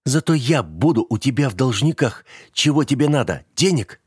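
A man reading an audiobook, voicing an earnest, calm young rich man who coaxes gently and sincerely. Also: medium pitch, moderate pace, slightly rough, no echo, studio quality, pitched above the performer's own voice. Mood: teasing.

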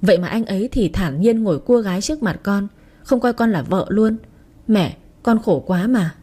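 Woman reader doing a pouting jealous young wife, mellow and husky, audiobook. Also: medium pitch, animated, moderate pace. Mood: whiny. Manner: pouting, complaining. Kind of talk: audiobook character reading.

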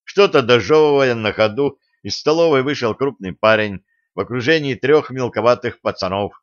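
A man narrating an audiobook in an even, steady storytelling manner, from a dull lo-fi recording. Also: medium pitch, normal speed, no echo.

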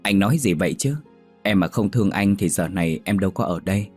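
A man's voice: low-pitched, fast talker, faint music behind. A man reading a story, voicing a shy young woman in love who speaks hesitantly. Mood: anxious. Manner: hesitant, soft.

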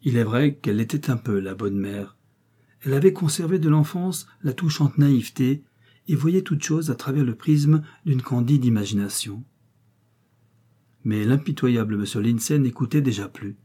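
A man narrating a classic story aloud in a measured, expressive reading voice. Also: mid-range voice, slightly rough.

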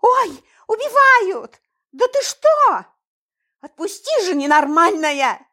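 A shrill young woman shrieks and squeals in panic, as a woman reader puts her on. Her voice leaps very high and wild in an audiobook fight scene. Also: big pitch swings, takes it slowly, pushed and bright, full character voice. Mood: panicked. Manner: shrieking, scared.

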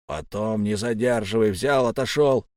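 A man voicing a rough, impatient one-eyed senior sailor in an audiobook, shouting. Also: lowish voice, normal speed, no room sound, clean studio sound, lightly acted.

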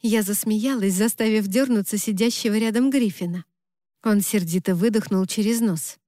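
A woman reading a first-person novel aloud in an even, measured storytelling manner, close to the mic. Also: mid-range voice, dry recording. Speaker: audiobook narrator.

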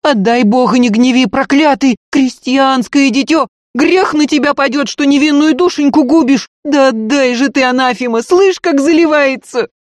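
A reader voicing a fierce peasant nursemaid who shrieks and curses in a high, piercing voice while defending a baby. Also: normal speed, hardly any pauses, dry recording, natural voice. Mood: wailing. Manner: wailing, shrill pleading and cursing.

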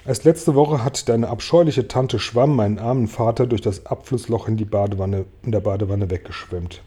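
A man's voice: on the low side, normal speed, warm tone, husky. A man voicing a sad, tidy female spider who sighs over being unloved, in an audiobook reading. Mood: mournful. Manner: sighing and mournful.

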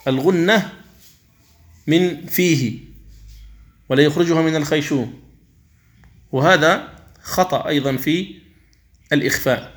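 A man with a fairly high voice teaches Quran recitation, carefully and slowly explaining every rule. Afterward he chants the examples in long, drawn-out recitation, occasionally comparing a mistaken reading with the proper one.

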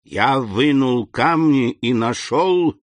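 A man's voice: medium pitch, lively intonation, takes it slowly, no room sound, voice pushed up. A man voicing a humble middle-aged prison gatekeeper, deferential and eager in an audiobook reading.

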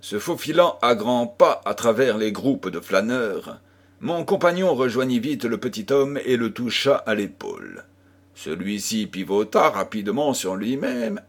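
A man reading an audiobook aloud in an unhurried, expressive way. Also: lowish voice. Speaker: audiobook reader. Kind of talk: audiobook narration.

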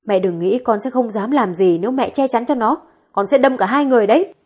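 A woman's voice: a little high, a little fast, darkish tone, slightly rough. A woman voicing a vengeful young woman who has lost control, with furious, threatening delivery in an audio story.

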